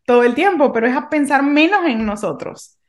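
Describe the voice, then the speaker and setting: A woman's voice: sits high, expressive, a little fast. A woman in her thirties from Venezuela, talking through a faith topic in a reflective way, often restarting her sentences. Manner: reflective, thinking aloud with many restarts. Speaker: podcast co-host. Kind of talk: casual faith discussion.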